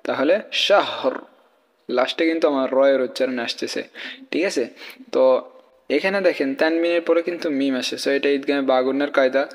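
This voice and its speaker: A man's voice: medium pitch, fast, long reverb tail. A man teaching Quran reading, spelling out each letter and vowel patiently and checking in with the learner. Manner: patient, stepwise, asks rhetorical check questions. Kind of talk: spelling out and reciting verses for learners.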